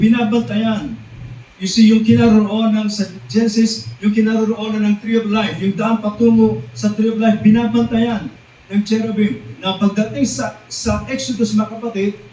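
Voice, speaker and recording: A Filipino-accented man preaches in a fairly high voice, drawing out the scripture he quotes. He sounds far from the microphone in a reverberant church hall. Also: dark tone, a little hiss or hum. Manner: mixes English scripture with Tagalog, keeps calling the congregation "mga kapatid"; drawn-out, emphatic quoting of lines. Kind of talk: sermon. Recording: echoey church hall recorded from a distance.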